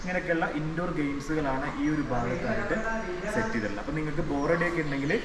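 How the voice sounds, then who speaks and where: A man's voice: fairly high pitch, very fast, over a noisy crowd. A man with a Malayali accent giving casual vlog narration, mixing many English words into his Malayalam. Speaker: travel vlogger reviewing a resort. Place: on location around a resort, rooms and rooftop. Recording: echoey, clearly noisy location sound.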